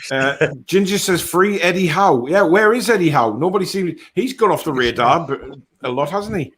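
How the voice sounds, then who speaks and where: A man's voice: a little high, animated, moderate pace, a bit bright. A man hosting a casual football fan chat, reading out viewer comments and answering them in a blunt, matter-of-fact way. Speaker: host of a football fan live stream.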